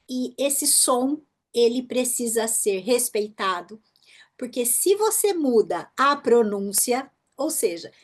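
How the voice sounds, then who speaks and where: In an online workshop, a Brazilian woman with a Brazilian Portuguese accent teaches English pronunciation in a slightly high voice. She explains patterns, demonstrates words slowly, and often checks in with the listener.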